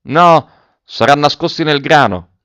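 A man's voice: fairly high pitch, lively intonation, a little slow, fairly bright tone, smooth, voice pushed up. A man reading an audiobook voices a brave, eager young boy lookout who calls out in a raised, earnest voice. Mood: calling out.

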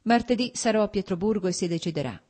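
A woman's voice: mid-range voice, expressive, quick pace, darkish tone, voice pushed up, natural voice. A woman reading aloud, voicing a young male officer who speaks earnestly and insistently, pleading to be heard.

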